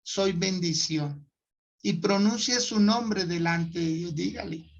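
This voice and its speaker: A man's voice: high-pitched, vocal fry, muffled recording. A male pastor preaching a sermon and urging his congregation to repeat blessings after him. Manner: slow, exhorting, gives the congregation words to repeat. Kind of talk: sermon leading a prayer.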